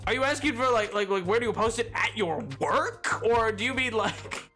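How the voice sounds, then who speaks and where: A man chatting casually and excitably on a gaming livestream, joking and repeating his words. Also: sits high, normal speed, soft background music. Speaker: game streamer.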